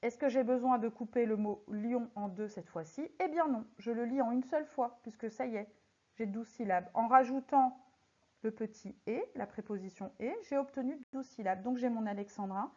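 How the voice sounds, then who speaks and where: Woman teacher, slow and deliberate, muffled audio. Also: fairly high pitch, warm tone. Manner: slow, deliberate, stressing syllables one by one. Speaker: French teacher. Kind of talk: recorded lesson correcting exercises.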